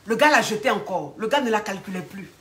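A woman's voice: mid-range voice, lively intonation, fast talker, a bit bright, distant mic, a little hiss or hum. A woman relationship coach, telling a story casually in a chatty, mocking way with quoted dialogue.

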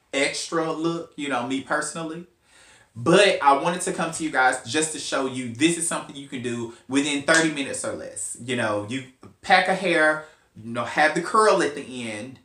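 With a bright, forceful, medium-pitched voice, this man rambles through a laid-back hair tutorial as a stylist vlogger, adding playful asides along the way. There's a roomy feel to the audio and a faint hum underneath.

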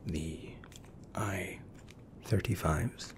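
A man's voice: low voice, drawn-out words, a little hiss or hum, heavily acted. A man in his thirties in an ASMR role-play as an attentive, reassuring first-class flight attendant with formal, soothing service patter.

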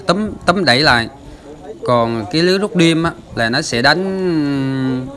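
A man with a mid-range, sharp-toned voice hosts a fishing channel, giving casual, chatty voice-over commentary on the footage with lots of filler sounds.

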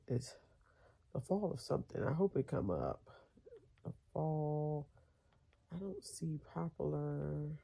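An American woman in her thirties with a congested, nasal voice, chatting casually to camera in a tired, halting way while recovering from surgery. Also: rumbling low, mellow. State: recovering from nose surgery with a headache. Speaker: vlogger. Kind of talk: casual vlog chat to camera. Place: bedroom, reclining in bed, indoors. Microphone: camera or phone at close range. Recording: clear background noise, home camera.

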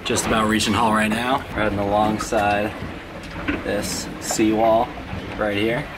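A man's voice: lowish voice, flat delivery. A young man hosting a sailing vlog, chatting upbeat to a handheld camera outdoors on a small sailboat. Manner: upbeat, chatty, with quick asides. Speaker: vlog host. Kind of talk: casual narration to camera. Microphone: handheld action camera close to the face. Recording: loud wind and water noise.

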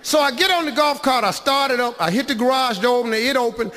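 A middle-aged man doing stand-up comedy, telling a story in an animated, loud, rambling way. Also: very high-pitched, quick pace, big-room sound. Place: comedy club stage.

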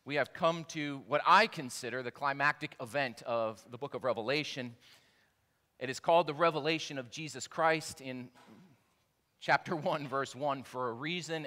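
A male pastor preaching a sermon in a church, reading scripture aloud with emphasis that swells louder on exclamations. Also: mid-range voice, in a large hall. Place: church sanctuary.

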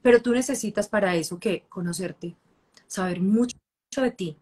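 Husky-voiced woman explaining with examples. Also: mid-range voice, normal speed. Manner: lively, acts out quoted voices. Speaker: co-host, coach. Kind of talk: casual chat, teaching by example.

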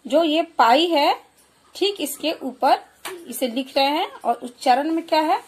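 A woman giving a slow, clear children's lesson, explaining and repeating example words. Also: high-pitched, animated. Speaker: primary school teacher.

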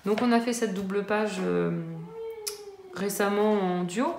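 A coloring-book vlogger in her thirties casually chats while showing her book collection, her speech full of fillers and restarts. Her voice is medium in pitch, unhurried, and darkish, with vocal fry. She's recorded in an echoey room with faint noise.

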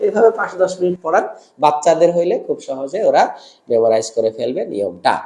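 A man teaching Quran reading, drilling rules in call-and-response and drawing out recited words slowly. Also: fairly high pitch, lively intonation, warm tone, echoey room. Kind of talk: step-by-step lesson with slow drawn-out recitation drills.

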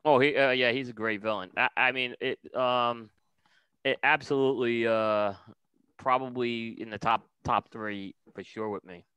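A man's voice: mid-range voice, steady tone, sharp tone, clear, resonant tone, dry recording, low-quality recording. A middle-aged man hosting an interview, talking with enthusiasm and lots of fillers into a headset mic in a small studio. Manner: enthusiastic, halting, many fillers. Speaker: show host. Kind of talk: casual interview. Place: studio with logo backdrop.

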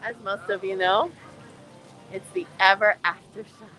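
A woman in her fifties walks through a shop while streaming live on her phone. She talks at an easy, unhurried pace, gushing over what she sees, laughing a lot and greeting viewers by name. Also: mid-range voice, steady tone, pushed and bright, soft background music, poor audio. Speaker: vlogger hosting a live stream. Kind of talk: chatty live shopping stream. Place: indoor retail shop.

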